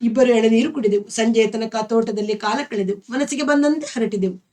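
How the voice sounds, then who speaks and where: A woman's voice: on the high side, brisk. Woman reading a novel aloud. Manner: steady, expressive narration. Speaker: storyteller.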